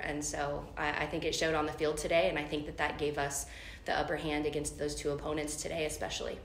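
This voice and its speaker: A middle-aged woman who works as a head coach speaks earnestly at a postgame press conference, often saying "um." Her voice is deep and slightly bright. The room echoes, and there's faint background noise.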